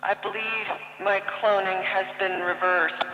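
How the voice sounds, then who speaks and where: A man talking in slow, formal radio-speak, as if transmitting from a space pod. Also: high-pitched, flat delivery, dull audio. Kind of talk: mock sci-fi radio transmission. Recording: echoey long-reverb room with faint noise.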